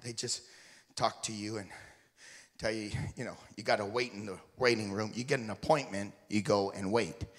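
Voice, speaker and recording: A man's voice: on the low side, fairly even intonation, normal speed. A man, a missionary preacher, telling a folksy, joking story to his congregation during a sermon. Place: church sanctuary. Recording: reverberant church hall.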